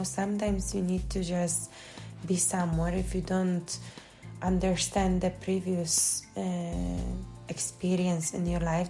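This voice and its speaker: A woman coach hosting her own podcast, talking unscripted in a halting way, restarting words and filling pauses with "you know". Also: on the low side, creaky, mellow. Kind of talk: unscripted personal podcast monologue.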